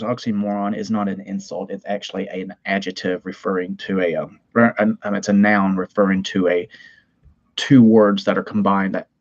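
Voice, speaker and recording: A Southern man with a warm twang hosts a casual livestream, rambling between viewer comments and quick laughs. His voice sits on the low side, and the lo-fi stream audio sounds a little dull. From Tennessee, US. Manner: chatty, rambling, reads chat aloud, laughs easily. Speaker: livestream host.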